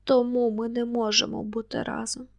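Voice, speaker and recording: A woman's voice: fairly high pitch, level tone, normal speed, gravelly, dull audio. A woman voicing a jealous, tearful young woman who speaks reproachfully to her lover. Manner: reproachful, quiet.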